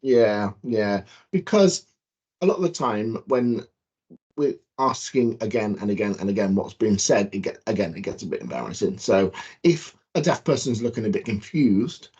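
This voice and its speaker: Man co-presenter, husky voice, explains and demonstrates, muffled lo-fi call sound. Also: fairly low pitch, lively intonation, moderate pace, a little mellow. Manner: explanatory, demonstrates his points. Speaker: guest presenter. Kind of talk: awareness talk to students.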